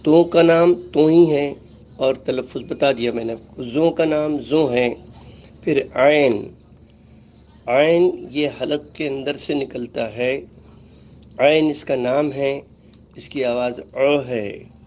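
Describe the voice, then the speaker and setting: A man's voice: mid-range voice, takes it slowly, a little mellow. A middle-aged man teaching an alphabet lesson, patiently naming each letter and repeating its sound. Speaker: Urdu teacher.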